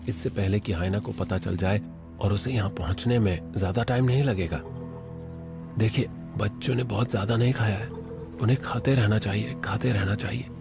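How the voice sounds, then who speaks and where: A man narrating a wildlife documentary in a dubbed voice-over, excitedly commenting on animals as they chase and fight. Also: on the low side. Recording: with loud background music.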